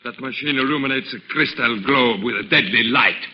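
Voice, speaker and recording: An actor playing a cunning, sinister hypnotist villain in a 1940s radio drama, with a sly, gravelly voice. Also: male voice, medium pitch, brisk, a little hiss or hum, natural voice. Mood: scheming. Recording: muffled old 1940s radio broadcast.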